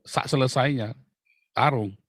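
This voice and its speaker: A male pastor, preaching in an animated, mocking way that swings from loud outbursts to low asides. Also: a little slow, dry recording, clean studio sound. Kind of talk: sermon.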